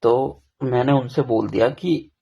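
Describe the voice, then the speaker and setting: A man's voice: medium pitch, fairly even intonation, unhurried, creaky, mellow, husky, highs cut off. A young man telling his own story in a frank, self-deprecating, rambling way, full of restarts, in a casual confessional vlog.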